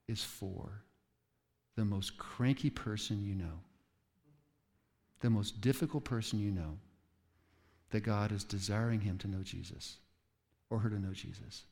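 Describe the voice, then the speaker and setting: Animated male preacher in a reverberant hall. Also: gravelly. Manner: animated, acts out quoted voices with big pitch jumps. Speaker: pastor. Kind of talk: sermon. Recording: long reverb of a large hall.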